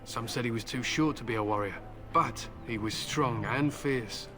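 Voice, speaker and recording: An actor with a mid-range, everyday-sounding voice and moderate pace performs game dialogue as a grim hunter, a stern human warrior with war hounds. He is solemn and curt, speaking proudly of fighting and his hounds while loud game music plays.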